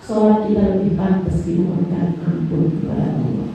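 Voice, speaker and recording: Woman preacher, animated sing-song sermon; distant mic, faint background noise. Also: on the low side, moderate pace. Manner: animated, sing-song, acts out quoted voices. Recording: echoey hall, voice from far off, faint noise.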